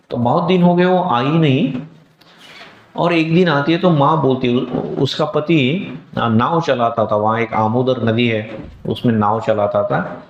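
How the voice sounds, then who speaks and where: Storytelling monk in an echoey hall. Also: male voice, medium pitch, dull audio. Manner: tells stories, acting out the voices of the people in them; explains with English words mixed into his speech. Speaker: monk giving a scripture talk. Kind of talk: devotional discourse with storytelling. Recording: echoey hall, faint background noise.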